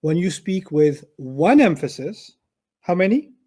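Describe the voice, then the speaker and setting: Man, fairly high voice, patient Arabic grammar teacher, repeats key points, acts out little arguments. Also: very animated, measured pace, mellow, slightly rough. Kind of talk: one-on-one grammar lesson.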